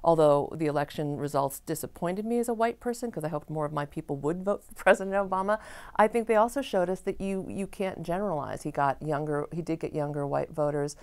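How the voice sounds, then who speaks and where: A woman's voice: sits low, fairly quick, darkish tone, clean tone. A woman author answering interview questions in a thoughtful way, often restarting her sentences.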